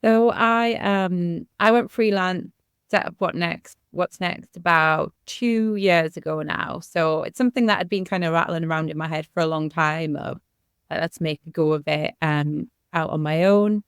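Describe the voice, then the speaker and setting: A woman's voice: on the low side, normal speed, clear, resonant tone, dry recording, clean studio sound. A woman in her thirties with a Northumberland accent, talking casually as a podcast guest. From Northumberland, England. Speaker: podcast guest, marketing consultant. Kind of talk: casual conversational storytelling.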